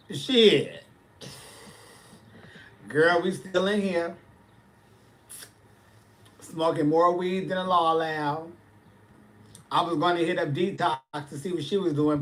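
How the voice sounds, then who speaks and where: A sassy man in his forties hosts a casual livestream chat, reading viewers' comments and answering them. His voice is a little high and a bit bright.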